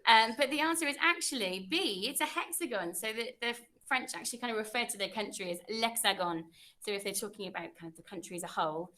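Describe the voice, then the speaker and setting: A woman's voice: on the high side, fast talker, sharp tone. A young woman, a French teacher, running a classroom quiz with pupils in an encouraging, chatty way.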